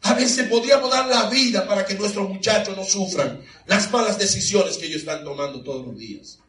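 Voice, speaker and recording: A man preaching a sermon in a church, animated and calling on the congregation for answers. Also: high voice, brisk. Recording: echoey hall, mic far off.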